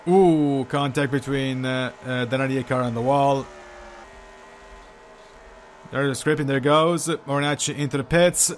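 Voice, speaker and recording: A male sim racing commentator with a voice of middling pitch, calling the race live. He talks haltingly, full of fillers and second-guessing the running order. When something happens on track, he bursts into excitement. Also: a little hiss or hum. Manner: hesitant, filler-heavy, unsure of positions.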